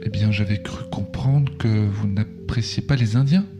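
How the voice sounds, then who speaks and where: A man's voice: lowish voice, moderate pace, over music, lightly acted. A man playing a naive, evasive crewman in a comic audio drama, mild and a little hesitant. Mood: oblivious, mild. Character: cheerfully oblivious, evasive crewman calling by radio.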